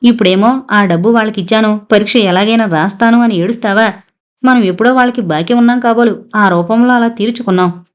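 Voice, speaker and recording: A woman voicing a gentle, doting grandmother over sixty who coaxes and consoles a crying grandchild in an audiobook novel. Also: medium pitch, brisk, clear, resonant tone, close to an everyday voice. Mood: consoling. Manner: coaxing, consoling. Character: gentle elderly grandmother, fond and soothing.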